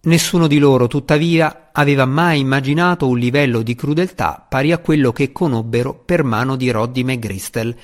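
A man narrating a fantasy audiobook with expressive, dramatic storytelling. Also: mid-range voice, moderate pace, hardly any pauses.

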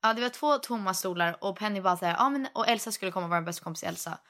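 A young woman chatting casually as a podcast co-host, telling a story in an animated way and mixing in English phrases. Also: medium pitch. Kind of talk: casual chat.

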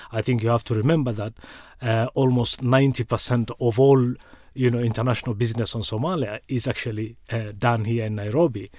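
East African man giving measured analysis, dry sound. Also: on the low side, darkish tone, no echo. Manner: measured, deliberate, often repeating words as he thinks. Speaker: expert analyst being interviewed. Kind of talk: spoken political analysis.

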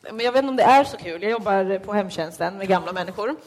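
A woman's voice: mid-range voice, a little hiss or hum. A woman co-hosting a live podcast, making dry, laid-back remarks in casual chat. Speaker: podcast co-host. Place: live event stage.

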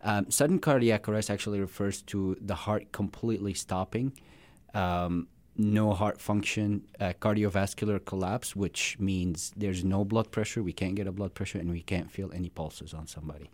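Brief: Syrian-born cardiologist, thirties, low-ish voice, measured and hesitant. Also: male voice, steady tone, a little mellow. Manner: measured, explanatory, frequent hesitations. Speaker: cardiologist guest. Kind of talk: medical interview.

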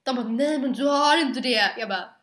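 A young woman in casual chat, expressive, with quick asides and acted-out quotes. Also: high voice. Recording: echoey room.

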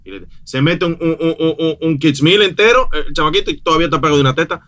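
A man, a new father chatting casually on a podcast, blunt and animated. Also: on the high side, fast. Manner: animated, blunt, mixes quoted voices into his stories. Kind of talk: casual chat.

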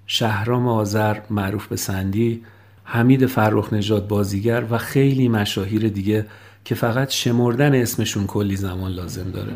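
Male podcast host, low voice, calm scripted narration with personal asides.

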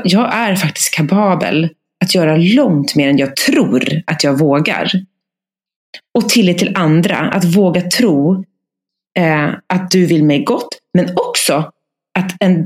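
A woman co-hosting a casual podcast, telling lively anecdotes and acting out voices. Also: fairly low pitch. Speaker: podcast co-host.

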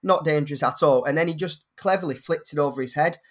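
A man's voice: a little high, fast. A man guest on a football podcast, talking enthusiastically and rambling a little. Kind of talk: casual football podcast chat.

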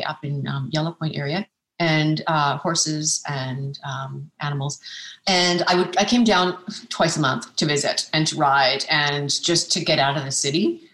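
A woman speaking with a fairly low voice answers interview questions earnestly. She restarts her phrases and often adds a questioning "right?". The sound carries a roomy echo. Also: a bit bright. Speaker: naturopathic physician guest.

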